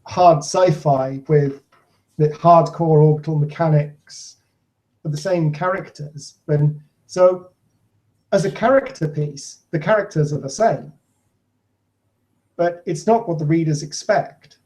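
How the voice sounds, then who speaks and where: A man co-hosting a writing podcast in casual chat. His voice is mellow and a little higher than most men's. He muses aloud and pokes fun at himself. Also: slow. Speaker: podcast co-host.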